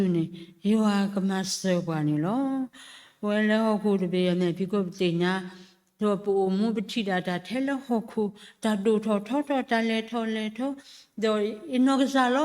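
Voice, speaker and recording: A woman with a fairly high voice gives her testimony in a church. Her speech is halting and broken by fillers and repeated syllables. Her words ring out with the long reverb of a large church hall. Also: darkish tone. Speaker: church member giving a testimony.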